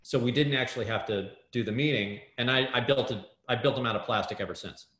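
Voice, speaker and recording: A man, a guest in an interview, telling a story in an animated way with many fillers and restarts over a video call. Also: medium pitch, quick pace. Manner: excitable, lots of fillers and restarts. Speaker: guest, startup hardware builder. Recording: roomy echo.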